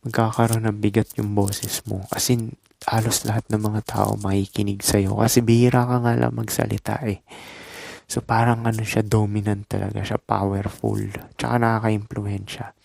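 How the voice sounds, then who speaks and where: A man's voice: fairly low pitch, little pitch movement, normal speed, gravelly, darkish tone, no echo. A man from the Philippines giving casual dating and self-improvement advice in a laid-back, instructive monologue full of short loose phrases and tag questions.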